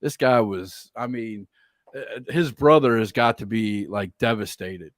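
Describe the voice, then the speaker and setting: A man hosting a casual talk show, chatty and quick to laugh, often trailing off mid-thought. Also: lowish voice, no echo, studio quality. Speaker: show host.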